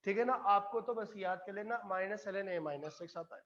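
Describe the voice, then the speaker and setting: A man's voice: high voice, moderate pace, a bit bright, muffled recording. A man teaching chemistry to a live classroom, coaxing and often checking whether the students follow. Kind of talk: classroom lecture.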